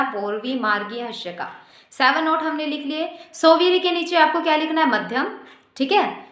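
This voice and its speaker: A woman's voice: sits high, fairly bright tone, roomy sound. A woman music teacher explaining exam material step by step, reciting note names in sequence. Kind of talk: exam-prep music lesson.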